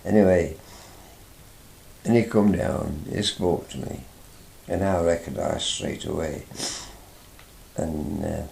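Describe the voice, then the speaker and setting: A man's voice: low voice, slow pace, vocal fry, long pauses, darkish tone, reverberant, slight background noise. An older man from England, telling a rambling, chatty fishing anecdote from his youth, with frequent restarts. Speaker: interviewee, father recalling his youth. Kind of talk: anecdotal storytelling.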